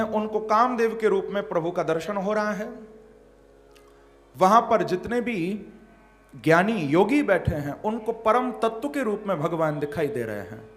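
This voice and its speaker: A man telling a devotional Bhagavat story as a sermon, acting out its scenes dramatically. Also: high-pitched. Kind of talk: devotional katha sermon with sung couplets.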